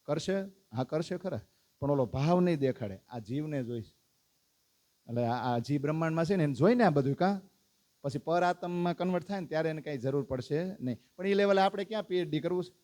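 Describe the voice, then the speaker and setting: A man teaches a devotional lesson to a gathered congregation. His voice sits somewhat high, and he talks with lively energy, reeling off lists and pushing his listeners to recite them with him. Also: a little fast. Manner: lively, calls out lists and prompts the audience to recite. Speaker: religious teacher.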